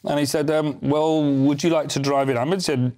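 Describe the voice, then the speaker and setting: A man's voice: on the high side, steady tone, a little fast, a little mellow. A man from Britain, a charity volunteer guest, telling a story in a chatty, anecdotal way. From United Kingdom. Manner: chatty, anecdotal, with restarts and asides. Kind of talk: casual interview storytelling.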